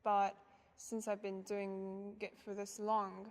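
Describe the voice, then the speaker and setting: A woman's voice: medium pitch, completely flat delivery, slow pace, darkish tone. A young woman from Japan, a violinist, giving thoughtful interview answers with light laughs.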